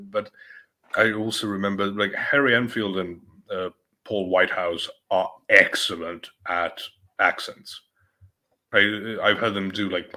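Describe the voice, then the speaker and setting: A man's voice: lowish voice, sharp tone. A man co-hosting a podcast, talking in a rambling, hesitant way with frequent chuckles. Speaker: podcast co-host. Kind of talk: casual chat.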